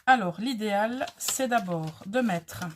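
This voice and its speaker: A woman's voice: medium pitch, slow, slight background noise. A woman with a light accent hosting a casual crafting tutorial, chatty and friendly as she talks viewers through each step.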